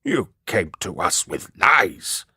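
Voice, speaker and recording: A man's voice: deep voice, sing-song, slow, sharp tone, breathy edge, no room sound, clean studio sound, heavily acted. A man voicing a frail, defiant elderly man who speaks with a thick antique accent, scornful and wavering, in a read-aloud story. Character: frail elderly man, defiant self-proclaimed emperor's servant. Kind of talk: audiobook character reading.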